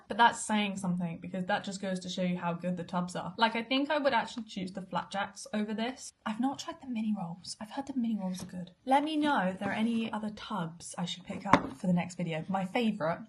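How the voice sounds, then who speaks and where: A young British woman taste-testing food for her vlog, chatting casually between bites and sometimes dropping to a half-whisper. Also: mid-range voice. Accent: British English. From Britain. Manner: chatty, eating while talking, drops to half-whispers. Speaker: food vlogger.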